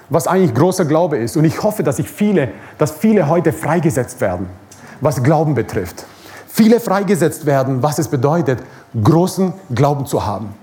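A man's voice: on the high side, warm tone. A man preaching a sermon at a church service, emphatic, repeating his key phrases and chuckling now and then.

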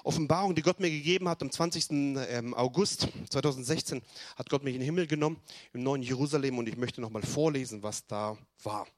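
A man preaching a sermon to his congregation, reading scripture slowly and swinging from soft and low to loud, urgent calls. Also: no echo, studio quality. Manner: reads scripture slowly with emphasis, talks to the congregation directly. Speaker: pastor.

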